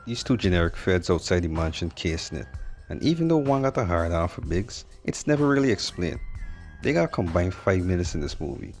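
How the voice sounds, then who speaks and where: A man's voice: deep voice, sing-song, fairly quick, a little mellow, faint music behind. A man narrating a sarcastic movie review in a blunt, mocking, slangy way.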